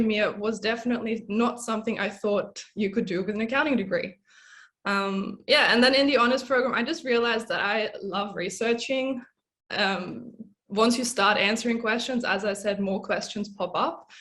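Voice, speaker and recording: A woman's voice: medium pitch, a bit bright. Female academic panelist, chatty and easygoing, lots of ums and laughs. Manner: chatty, laughs between phrases, many fillers. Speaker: academic researcher, former student. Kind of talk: panel discussion.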